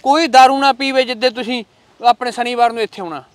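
Very high-voiced preachy holy man. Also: steady tone, fast, smooth, dry recording. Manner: soothing, preachy. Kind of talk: comedic short film acting.

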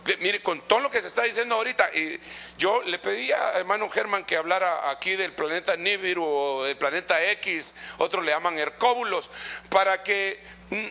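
A middle-aged Guatemalan preacher with a raised, gravelly, and bright, forceful voice. He talks to his listeners as brothers, swinging from loud exhortation to hushed asides in a passionate, conversational sermon. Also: sits high. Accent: Guatemalan Spanish. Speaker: pastor.

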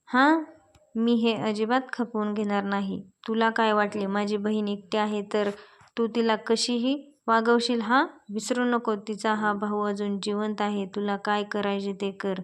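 A woman narrating a romantic story as a storyteller, reading every character's lines in her own even voice. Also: medium pitch, clear, resonant tone.

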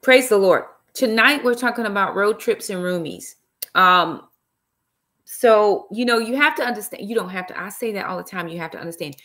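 Her mid-range, slightly bright voice moves at a moderate pace. She is a middle-aged author hosting a casual live stream from a small room, seated in an armchair, chatting on her laptop webcam with "y'all" and praise interjections.

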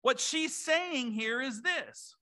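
A man's voice: extremely high pitch, animated, takes it slowly, pushed and bright. A male pastor preaching a sermon to his congregation in a conversational way, with asides to the room. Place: church sanctuary.

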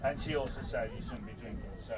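A man's voice: medium pitch, fast. A man in his thirties with an English accent, arguing insistently and repeating himself in public. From Britain. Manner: insistent, repetitive. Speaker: train passenger. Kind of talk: heated public argument. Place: inside a train carriage. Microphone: bystander's phone across the carriage. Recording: far phone recording, loud train noise.

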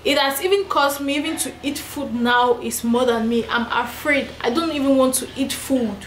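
Young woman vlogger, high voice, frustrated venting, echoey room, faint hiss. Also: moderate pace. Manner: venting, repetitive, emphatic. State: heavily pregnant. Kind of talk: personal vlog, talking to camera.

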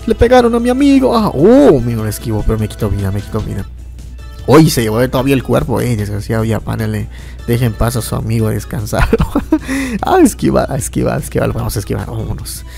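A man giving casual, excitable gameplay commentary, often yelping and laughing at the game. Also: lowish voice, quick pace, gravelly, soft background music. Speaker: gaming YouTuber.

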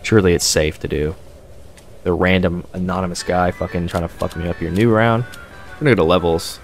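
A man's voice: low voice, fairly even intonation, brisk, faint music behind. Jittery, swearing man streaming a horror game. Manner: scared, jittery horror-game reactions, repeating phrases; heavily profane, slangy. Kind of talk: horror game let's play commentary.

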